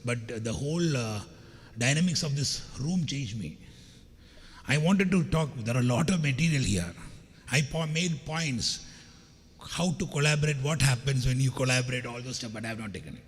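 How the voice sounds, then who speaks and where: A middle-aged Indian man with a scratchy voice addresses an audience directly in a motivational keynote, joking, chatting and telling stories. He speaks at a medium pitch with an expressive delivery and moderate pace. The audio has long hall reverb and faint background noise.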